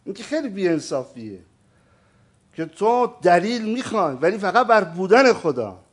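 High-voiced man lecturing emphatically. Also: big pitch swings, husky. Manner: emphatic, keeps asking the audience questions; addresses listeners as "sir". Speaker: religious teacher. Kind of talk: lecture on theology.

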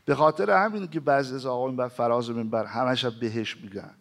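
A man with a mid-range voice preaches a sermon, reciting Arabic scripture in a slow chanting cadence and then explaining it. He asks listeners rhetorical questions and swings between loud emphasis and hushed pauses.

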